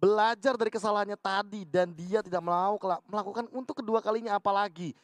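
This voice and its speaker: A man's voice: high-pitched, fairly even intonation, fast talker, no echo, clean studio sound. An Indonesian man giving live analytical commentary as an esports caster.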